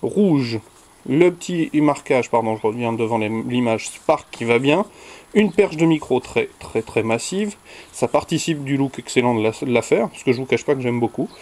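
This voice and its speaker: A man's voice: mid-range voice, animated, normal speed, a little mellow. A young man hosting a casual unboxing video, rambling and often correcting himself with little jokes. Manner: rambling, self-correcting, jokey. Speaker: tech video host unboxing a headset.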